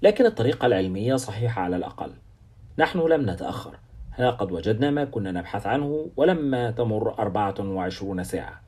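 A man's voice: fairly low pitch, animated, fast, darkish tone, breathy edge. A man voicing a seasoned male doctor who lectures in a dry, teasing way. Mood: wry, lecturing.

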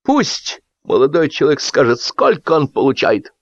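A man voicing a touchy, fussy man with a shrill, barking voice. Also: wildly swooping pitch, normal speed, dry recording, dull audio, full character voice. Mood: indignant. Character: touchy, fussy man yelling about his car.

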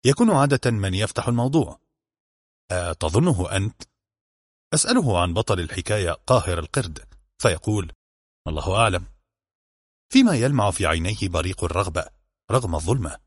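A man reads a novel aloud in a very low, husky voice. His narration is measured and literary. The sound is dry and close, with no room echo. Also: very animated. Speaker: audiobook narrator. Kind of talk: scripted audiobook narration.

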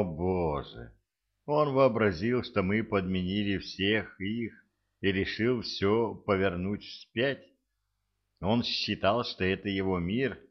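A man voicing an irritable, excitable male private detective who talks in a snappish, agitated way. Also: deep voice, slightly rough, dull audio, exaggerated voice.

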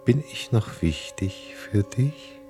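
An actor playing Odysseus as a vain, mature husband in a radio play, mocking and grandly amorous, with theatrical delivery. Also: male voice, on the low side, expressive, slow pace, dark tone, faint music behind. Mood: questioning, indignant. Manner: theatrical, swinging between dry irony and declamation.

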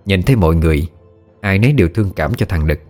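Deep-voiced storyteller. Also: male voice, very fast, soft background music. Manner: steady, plain storytelling. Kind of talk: ghost story narration.

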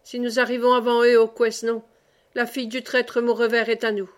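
A proud, ill-tempered medieval knight barks short orders, voiced by a woman reading aloud. The voice is fairly high and clipped. It is a storybook reading. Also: little pitch movement, normal speed, close to an everyday voice. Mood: commanding. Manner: curt and commanding.

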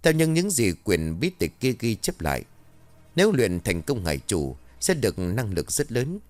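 A man narrating a scripted horror story, telling it in a lively way with dramatic swings in his voice. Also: lowish voice, normal speed, no echo. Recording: dry close mic with faint music bed.

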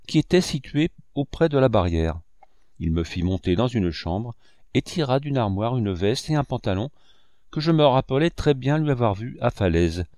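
A man narrating a novel as an audiobook with measured storytelling. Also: medium pitch, a little mellow, no echo, studio quality.

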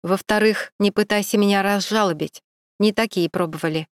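A woman's voice: mid-range voice, normal speed, dry recording, clean studio sound, natural voice. A woman voicing a stern middle-aged police captain who questions coldly and with irony. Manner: cold, pressing, ironic.

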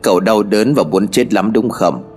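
A man voicing a stern village sorcerer who speaks in a slow, grave and knowing way, in a spoken horror story. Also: lowish voice, a little mellow, slightly rough, soft background music.

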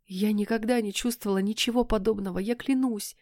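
A woman's voice: medium pitch, steady tone, brisk, darkish tone, no echo, natural voice. A distraught young heroine of a fantasy storybook, her voice shaky, tearful and pleading, as the woman reading puts her on. The sound is dry and close, with no room around it.

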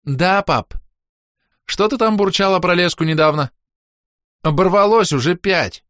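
A man's voice: sits high, measured pace, a bit bright, dry recording, clean studio sound, voice pushed up. A man voicing a stubborn teenage girl goddess who keeps insistently demanding things, in an audiobook. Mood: grumbling.

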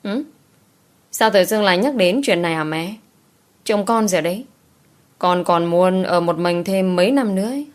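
A woman's voice: lowish voice, normal speed, long pauses, close to an everyday voice. A woman voicing a young unmarried daughter who coaxes and pleads with her mother. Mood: pleading. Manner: whiny, coaxing.

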